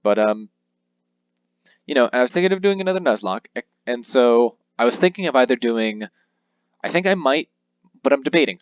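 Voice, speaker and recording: This let's play host, a young man with a mid-range voice, chats loosely through a handheld game, teasing himself and voicing the on-screen text in different characters. There's no echo, but the recording sounds muffled.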